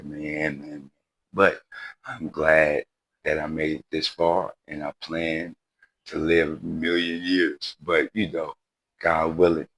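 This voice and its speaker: A man's voice: extremely low pitch, gravelly, breathy edge, dry recording, poor audio. A man in his forties hosting a model car channel, chatting casually to viewers in a laid-back, rambling way, often saying "y'all" and "you know what I mean.". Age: 40s.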